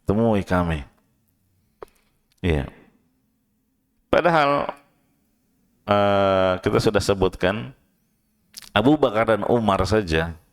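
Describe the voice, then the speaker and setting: A man's voice: deep voice, clean tone. A man with an Indonesian accent teaching a study session in a mosque. He explains in plain everyday speech and often checks in with his listeners. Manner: chants verses slowly, then raises his voice to act out the shouting. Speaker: Quran teacher.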